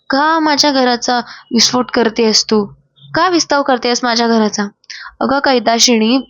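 A woman's voice: on the high side, a bit bright, dry recording, muffled recording. A woman voicing a distraught middle-aged mother who pleads tearfully and scolds shrilly, in a retold TV drama.

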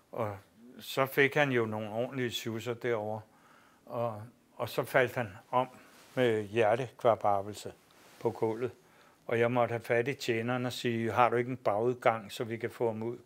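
An older man, an actor and theatre director, telling lively anecdotes in an interview and swearing casually. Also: mid-range voice. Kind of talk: anecdotal storytelling.

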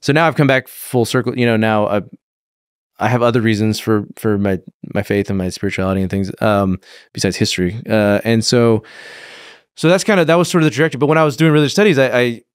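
A man's voice: fairly low pitch, quick pace, clean tone, no echo. A man in his thirties from California, speaking as a guest in a casual studio interview, with a dry, thoughtful manner and frequent restarts. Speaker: guest film director. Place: podcast studio, indoors. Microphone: studio mic on boom arm.

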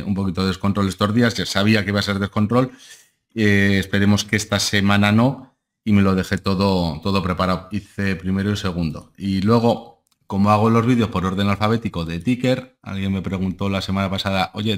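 Low-voiced young man rambling through charts. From Spain. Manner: rambling, full of filler tags like ¿eh? and ¿vale?. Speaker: stock market analyst and channel host. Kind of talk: casual screen-share market analysis. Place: home room, indoors.

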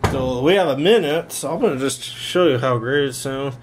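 A young man of medium pitch talks at normal speed while giving a casual handheld demonstration for his home vlog. He films it himself on a camera or phone around his bedroom and home workshop, and background noise can be heard.

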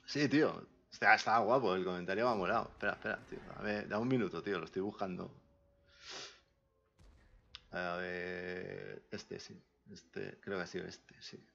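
A man from Spain chatting casually on a live game stream, slangy and rambling, often drifting quietly away from the mic. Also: low voice, lively intonation, normal speed, gravelly. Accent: Spain Spanish. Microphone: desk mic, sometimes far from it. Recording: dull lo-fi stream audio.

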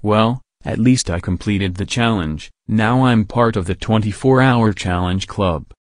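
A man voicing himself in his own animated cartoon, with deadpan, matter-of-fact delivery. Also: on the low side, unhurried, dry recording, studio quality. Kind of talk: cartoon voice acting.

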